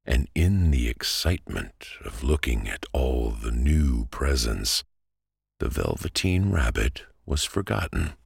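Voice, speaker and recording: A man with an extremely deep, husky voice reads a bedtime story to send listeners to sleep. He speaks slowly and soothingly in a hushed way, with a gravelly creak. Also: no echo, clean studio sound. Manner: slow, calming, hushed delivery. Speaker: podcast host and sleep story narrator.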